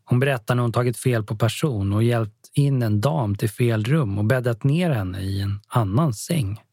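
A man narrating an audiobook story in a calm storytelling manner, close to the mic. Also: mid-range voice, dry recording. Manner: calm storytelling, voices each character.

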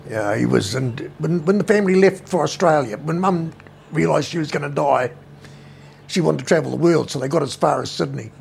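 A heavily gravelly, rough-edged man's voice sitting a touch high for a man. He speaks with a New Zealand accent and looks to be in his fifties. He tells rambling family anecdotes bluntly, with swearing all through. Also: fairly quick, darkish tone, slight background noise. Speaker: interviewee, brother. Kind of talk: casual storytelling interview.

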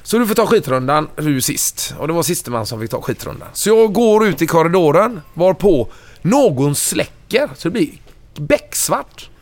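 A middle-aged man, a touring musician, telling anecdotes in a casual, animated way. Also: on the high side, no echo. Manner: animated, acts out quoted lines in a raised voice.

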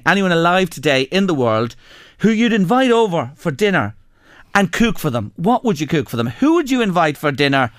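Emphatic Irish male radio host, higher-pitched. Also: no room sound, clean studio sound. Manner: chatty, emphatic, repeats phrases. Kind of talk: live radio presenting with competition promotion.

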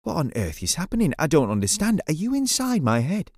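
A man's voice: fairly high pitch, huge pitch swings, a little fast, darkish tone, no room sound, clean studio sound, pitched above the performer's own voice, exaggerated voice. A man voicing an earnest, curious adult space captain who talks in a raised, eager voice. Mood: anxious.

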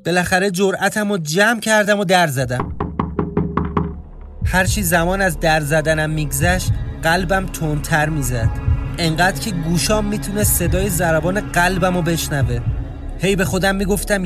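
A man reading his own first-person mystery horror story in a measured, tense storytelling voice. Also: sits high. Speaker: narrator and writer. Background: faint music.

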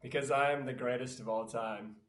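Croaky, sick-sounding man telling stories. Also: mid-range voice, steady tone, brisk. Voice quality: croaky, congested voice from being sick. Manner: jokingly boastful, mock-dramatic storyteller. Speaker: podcast co-host. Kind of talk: casual podcast chat.

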